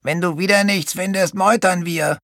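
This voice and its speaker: A man putting on a squeaky greedy ship's rat. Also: fairly even intonation, normal speed, fairly bright tone, no echo, studio quality. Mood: eager. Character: big greedy ship's rat, eager and cheeky. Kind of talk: audiobook character voice.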